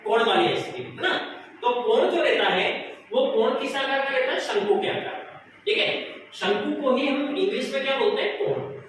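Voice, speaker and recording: A man's voice: extremely high pitch, sing-song, normal speed, fairly bright tone. A male teacher giving a classroom lesson, asking the pupils questions and answering them himself. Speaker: math teacher. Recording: echoey room, noisy, from far off.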